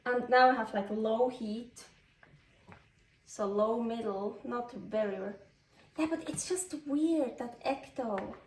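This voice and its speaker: Speaking slowly in a fairly high voice, a Swiss woman with a Swiss-flavored Californian English accent hosts a cooking vlog from her home kitchen. Her unscripted chat rambles and turns self-deprecating, with exclamations when things go awry. A distant microphone makes the sound roomy, with a little faint noise.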